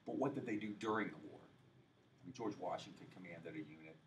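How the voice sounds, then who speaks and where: A male history professor lectures a class, his voice low and deep. He talks loosely, with fillers, asides and rhetorical questions to the room. The mic sits well away from him and picks up a faint hiss. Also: brisk, distant mic. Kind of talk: university lecture. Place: lecture hall.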